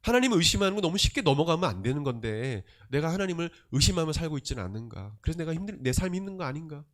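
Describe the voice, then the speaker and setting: Animated Korean pastor preaching a sermon. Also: male voice, fairly high pitch, racing. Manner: emphatic, rhetorical questions, swings between loud and soft.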